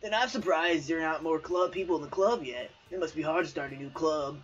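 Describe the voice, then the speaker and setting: A man's voice: fairly high pitch, a little fast, fairly bright tone, breathy edge, faint music behind. A man voicing a shy teenage schoolboy who is new to a club, reading his lines with some hesitation. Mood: awkward. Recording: dull lo-fi recording.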